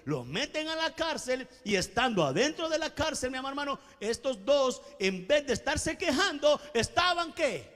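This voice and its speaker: A man's voice: extremely high pitch, sing-song, moderate pace, hardly any pauses, fairly bright tone, big-room sound. A man preaching a sermon as pastor, stressing his points and often addressing listeners as beloved brother. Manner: emphatic preaching, calls out "mi amado hermano".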